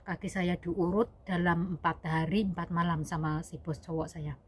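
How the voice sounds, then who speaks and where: A young woman vlogger who works as a domestic worker abroad tells a personal story, rambling and correcting herself as she talks to viewers she calls "guys." Her voice is fairly low and steady, at a moderate pace with a breathy edge, in casual spoken storytelling.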